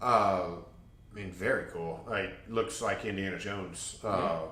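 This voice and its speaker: A man's voice: low-pitched, steady tone, measured pace, sharp tone, roomy sound. A man co-hosting a podcast, telling travel stories in a rambling, jokey way and laughing often. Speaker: podcast co-host. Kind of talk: casual travel storytelling.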